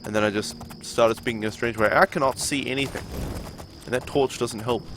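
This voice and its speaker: This New Zealand-accented young streamer talks fairly quickly in a steady, mid-range voice against a noisy background. He plays a game live and chats with his audience, reading out messages from chat and replying to them.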